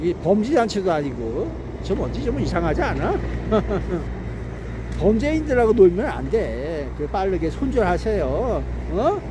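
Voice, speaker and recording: A man's voice: sits high, big pitch swings, unhurried, background noise. A man giving a casual political monologue, mocking and scolding, firing off rhetorical questions and laughing to himself. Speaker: political commentator.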